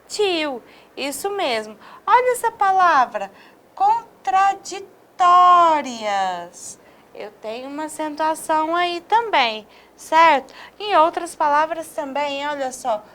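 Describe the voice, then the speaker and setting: A woman's voice: high-pitched, fairly bright tone. A woman from Brazil teaching an online video lesson, drawing out example words and often checking in with her listeners. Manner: slow, stresses syllables, drawn-out example words.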